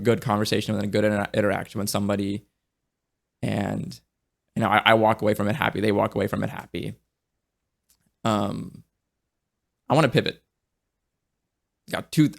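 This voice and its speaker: A man's voice: lowish voice, fairly even intonation, fairly quick, gravelly, long pauses. A man hosting a podcast, talking in an earnest, reflective way that often trails off and restarts. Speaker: podcast host. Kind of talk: casual conversational interview.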